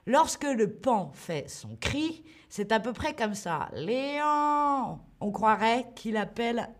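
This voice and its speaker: A woman hosting a livestream lesson for French learners, speaking slowly and clearly and greeting viewers by name. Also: fairly high pitch, animated. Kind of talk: live online language lesson.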